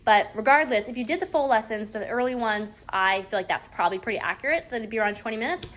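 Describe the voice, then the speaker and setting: Chatty homeschool mom, slightly high voice. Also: female voice, animated, quick pace, fairly bright tone. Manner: chatty, rambling, often says "anyways". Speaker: homeschooling mother reviewing a curriculum. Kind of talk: casual chat review. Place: at home at a table. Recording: faint background noise and clicks.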